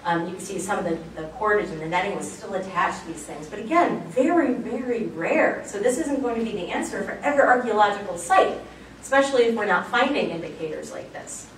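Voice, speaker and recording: A woman's voice: mid-range voice, expressive, a little fast. A woman giving a chatty, enthusiastic public lecture on archaeology, with many fillers. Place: lecture room, recorded from far off. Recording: very echoey room, distant mic, faint background noise.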